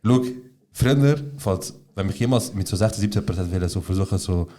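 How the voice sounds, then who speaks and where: Young man, lowish voice, slangy, swearing, podcast storytelling. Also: brisk. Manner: slangy, swearing, animated retelling with quoted dialogue. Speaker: podcast co-host. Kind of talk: casual chat, storytelling.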